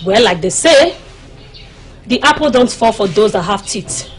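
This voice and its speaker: An actress playing a playful young village woman with a husky voice, teasing her friend insistently. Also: a little high, expressive, unhurried, a little hiss or hum.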